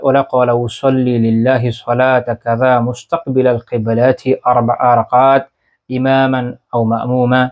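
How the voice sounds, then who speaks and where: Fast-talking male Islamic teacher. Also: medium pitch, a little mellow. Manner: poses questions and answers them himself; frequent "ah" fillers. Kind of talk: religious lecture explaining texts.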